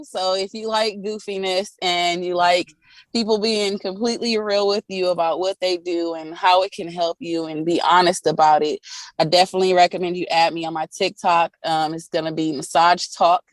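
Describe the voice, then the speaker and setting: A woman talks as a guest about her massage work, in a slightly low voice for a woman. She tells stories in a chatty way and acts out little quoted lines. The sound is dry and close, with no room echo. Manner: animated storytelling, acting out quotes; laughs often while talking. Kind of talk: casual interview chat.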